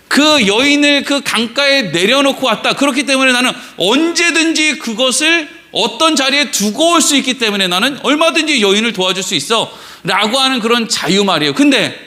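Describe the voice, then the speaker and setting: A man's voice: high-pitched, bright, forceful tone. A middle-aged man preaching a sermon in church, telling a story with lots of questions to the congregation and acting out the characters' lines. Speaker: pastor. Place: church sanctuary.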